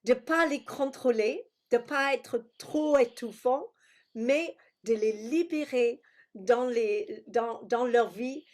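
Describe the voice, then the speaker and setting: Woman preacher on a video call, talks slow, bit of a high voice, gropes for words, says alleluia a lot. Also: darkish tone. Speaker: pastor. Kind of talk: sermon teaching over video call.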